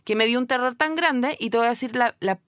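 A high, bright Chilean woman in casual comedic chat, spinning stories with playful mock despair. She sounds exhausted and worn out. The recording is close and dry. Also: quick pace, no room sound. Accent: Chilean Spanish. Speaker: podcast co-host.

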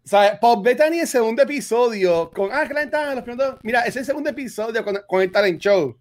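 A man's voice: extremely high pitch, expressive, fast. A man co-hosting a casual chat, enthusiastic and rambling, with many restarts. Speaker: podcast co-host.

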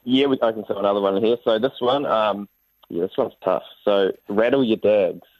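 A man's voice: fairly low pitch, brisk, dry recording, narrow, tinny audio. A man with a broad New Zealand accent chatting casually as a radio guest, explaining things in a laid-back, slangy way. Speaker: guest comedian.

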